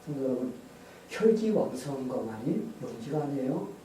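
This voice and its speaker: A man's voice: mid-range voice, expressive, fairly quick, warm tone. A male pastor preaching a sermon, telling a story with rhetorical questions to the congregation. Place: church sanctuary. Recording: echoey church hall, far mic, faint noise.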